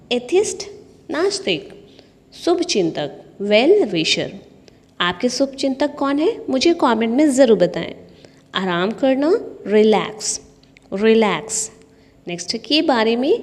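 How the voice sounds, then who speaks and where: A woman teaching English vocabulary and repeating each word in a drill. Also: fairly high pitch. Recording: long hall reverb.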